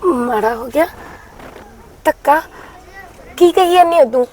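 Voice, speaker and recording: A woman's voice: on the high side, moderate pace, a little hiss or hum, natural voice. A woman playing a tearful young widow. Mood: denying, insistent. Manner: soft, pleading, tearful. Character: grieving young widowed sister, gentle and selfless. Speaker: actor in a short film. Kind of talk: melodramatic short-film acting. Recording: echoey room with long reverb.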